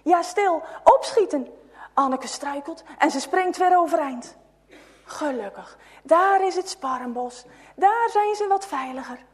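A woman reads a children's story aloud in a high, clear voice, taking her time over each sentence. She drops to a hush at tense moments and lifts her tone when the action speeds up. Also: in a large hall. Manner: expressive, hushed at tense moments.

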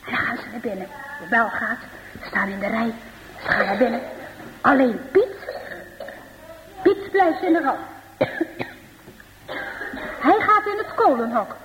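A woman, likely older, telling a children's Bible-school story in a lively way, voicing the characters and often adding little tag questions. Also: on the high side, measured pace, long pauses, noisy background. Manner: lively, with frequent tag questions and voiced dialogue. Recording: dull recording in a reverberant hall.

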